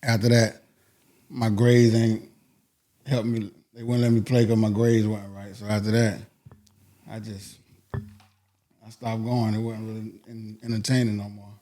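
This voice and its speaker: A man's voice: fairly low pitch, level tone, measured pace, long pauses, dark tone. A man from New York and Georgia chatting casually as an interview guest, slangy, often adding you know what I mean. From New York, then Georgia from about age eleven. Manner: slangy, often tags phrases with 'you know what I mean'. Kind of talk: casual street-talk chat.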